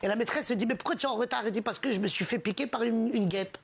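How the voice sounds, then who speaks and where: A man's voice: extremely high pitch, racing. Man telling jokes, muffled TV sound. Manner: casual joke-telling, acts out characters' lines. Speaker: comedian telling jokes on a TV panel show.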